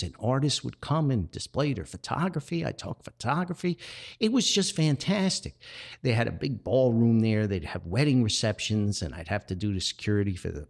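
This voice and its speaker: A man with a creaky, mid-range voice hosts a podcast, sharing personal stories in a casual, folksy, enthusiastic way. He's a podcast host and writer who chats away and treats listeners like friends.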